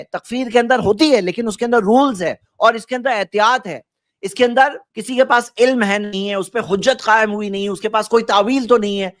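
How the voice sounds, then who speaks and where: A man's voice: high voice, fairly bright tone, dry recording, clean studio sound. A man giving a religious talk, quoting Arabic and then translating it, and pressing his point with rhetorical questions. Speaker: Islamic preacher.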